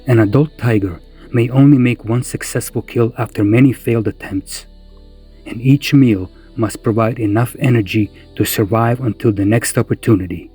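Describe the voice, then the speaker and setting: Husky, dark-voiced male documentary narrator. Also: medium pitch. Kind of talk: scripted wildlife documentary narration.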